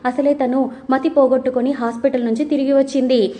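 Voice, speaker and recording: Woman reading a loud indignant mother. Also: sits high, fairly even intonation, brisk, natural voice. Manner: wailing, accusing complaints. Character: indignant mother defending her daughter, loud.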